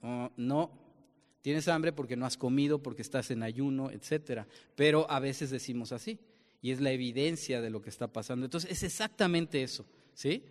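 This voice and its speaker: Preacher in a reverberant hall. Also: male voice, medium pitch, moderate pace. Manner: asks the congregation questions, explains with everyday examples. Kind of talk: sermon. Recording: long reverb of a large hall.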